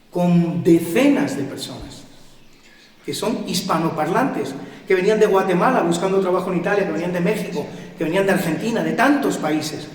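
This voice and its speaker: Middle-aged Spanish male lecturer, rhetorical and emphatic, high voice, very echoey hall. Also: distant mic. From Spain. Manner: emphatic, rhetorical questions to the audience. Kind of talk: public lecture to an audience. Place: cultural center hall.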